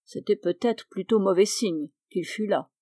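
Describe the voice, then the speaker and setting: Calm mellow woman reading a novel. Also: mid-range voice, slightly rough, no room sound, clean studio sound. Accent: French. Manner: measured, calm storytelling. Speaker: audiobook reader. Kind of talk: literary audiobook narration.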